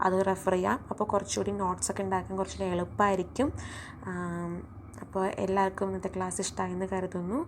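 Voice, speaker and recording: A woman's voice: mid-range voice, a little hiss or hum. A woman teaching online. She spells words letter by letter and uses many fillers. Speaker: English teacher. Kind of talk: online lecture, casual sign-off.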